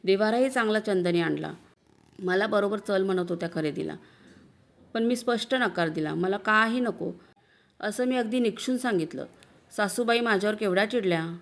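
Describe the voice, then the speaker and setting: A woman's voice: mid-range voice, brisk. A woman narrating a story in the first person, earnest and reflective.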